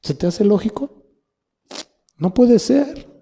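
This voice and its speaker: A man's voice: high voice, lively intonation, takes it slowly, gravelly, dark tone, slightly rough. A man with a Mexican Spanish accent preaching a sermon as pastor, asking the congregation rhetorical questions. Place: church hall. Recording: long hall reverb.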